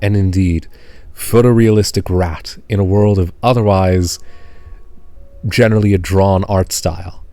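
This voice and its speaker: Male game master, lowish voice, deadpan, drawn-out emphasis, faint music behind. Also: no room sound. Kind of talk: narrating a tabletop game.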